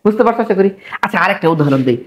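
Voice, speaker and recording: A man's voice: high-pitched, lively intonation, racing, lo-fi sound. A man teaching chemistry, patiently repeating key terms and stopping to check that students follow. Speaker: chemistry tutor. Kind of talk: classroom lecture.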